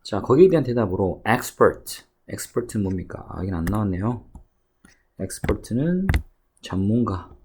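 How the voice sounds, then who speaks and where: A man teaching English at a cram school, walking through an exam passage by reading English phrases slowly and then explaining them. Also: fairly low pitch, sing-song, a little mellow, a little hiss or hum. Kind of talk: exam passage walkthrough lecture. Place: cram school lesson recording.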